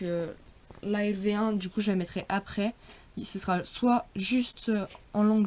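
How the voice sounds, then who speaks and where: A woman's voice: mid-range voice, darkish tone. A teenage girl in a casual vlog, showing her school bag and talking in a chatty, hesitant way with many fillers. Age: teens. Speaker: vlogger.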